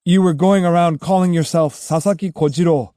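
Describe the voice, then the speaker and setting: A man's voice: on the high side, brisk, warm tone, dry recording, studio quality, pitched above the performer's own voice, lightly acted. A man voicing a hearty, courteous wandering monk in an audiobook. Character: wandering monk-warrior, friendly and direct. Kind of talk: audiobook character voice.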